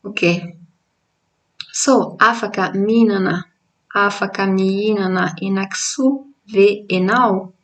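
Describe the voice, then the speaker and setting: A language teacher whose first language is Italian explains a lesson in an Italian accent, patient and unhurried, with frequent pauses and fillers. Her middle-pitched voice is captured from a distance, and the audio quality is poor.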